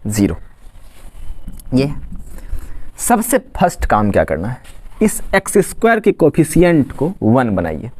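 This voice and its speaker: A man from Khagaria, Bihar, India, with a mid-range, darkish voice, explains a maths lesson step by step, a little slowly and with long pauses. His pitch swoops wildly, rising and falling a great deal, and he keeps posing questions and answering them himself, often saying "ठीक".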